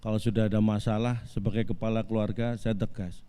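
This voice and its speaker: A man in his forties telling a deadpan comic monologue, addressing the audience politely and spinning absurd twists with a straight face. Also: on the low side, brisk, smooth. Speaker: stand-up comedian. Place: virtual family gathering.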